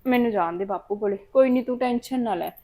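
An actress playing a young married daughter who is blunt and indignant. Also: female voice, fairly high pitch, quick pace. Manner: blunt and sharp-tongued.

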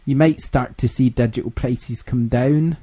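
Scottish guy hosting a games podcast, laid back chatty, mellow voice, laughs a lot. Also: medium pitch, measured pace. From Scotland. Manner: chatty, laughs often, rambling. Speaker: podcast host. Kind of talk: casual podcast chat.

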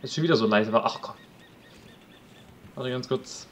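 A let's play commentator jokes his way through a survival game, chatting with his audience and shouting at wolves. His mid-range voice moves at a moderate pace, and the low-quality recording carries a little hiss or hum.

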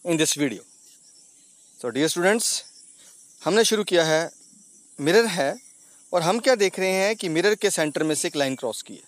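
A man's voice: a little high, no room sound. A male teacher explaining slides, who asks himself questions and answers them, and mixes in English terms. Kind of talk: slide-based physics lesson voice-over. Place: not on camera, voice over slides.

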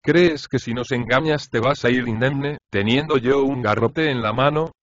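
A man voicing a gruff, complaining old male chorus leader in an audiobook of a comic play. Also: mid-range voice, normal speed, no echo, highs cut off, close to an everyday voice.

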